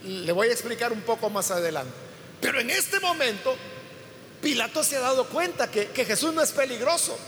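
A man's voice: very high-pitched, very animated, moderate pace, fairly bright tone. A man teaching a Bible passage as a preacher, explaining step by step and acting out the quoted dialogue with emphasis. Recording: hall reverb with faint room noise.

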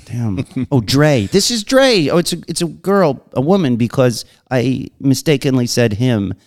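A man's voice: mid-range voice, lively intonation, a little slow. A man with a Long Island accent hosting a podcast, casually chatting and reading listener mail aloud, laughing often and breaking off for asides. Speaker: podcast host.

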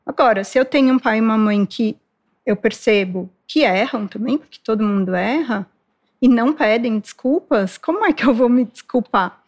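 Higher-voiced woman explaining parenting. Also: normal speed. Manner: explanatory, acts out parents' lines. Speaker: child development specialist. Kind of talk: podcast conversation.

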